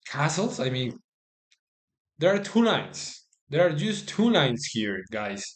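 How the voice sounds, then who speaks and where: Male chess streamer, slightly high voice, excitable, informal, hammers home phrases by repeating them. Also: slow. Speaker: chess commentator.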